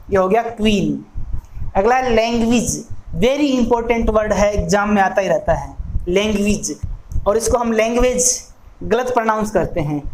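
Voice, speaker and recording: A man teaching an exam-prep lesson who speaks slowly and deliberately, spelling out words sound by sound and repeating them for drill. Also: sits high, slight background noise, low-quality recording. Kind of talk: recorded classroom lesson.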